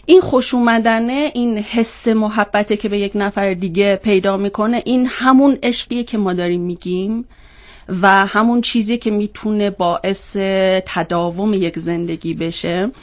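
A woman with a cold and a congested, stuffy-nosed voice, explaining step by step as a guest expert on a panel. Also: medium pitch. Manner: throat-clearing, explains step by step with rhetorical questions. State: has a cold. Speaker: psychologist guest on a panel discussion.

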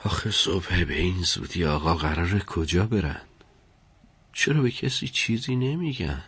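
A man playing a middle-aged servant in an audio story, uneasy and fretful, murmuring his thoughts half under his breath. The voice is deep and low. It is recorded close and dry, with no room sound. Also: lively intonation, a bit bright, slightly rough, no room sound, heavily acted. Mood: worried. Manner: worried muttering to himself. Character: anxious middle-aged male household servant.

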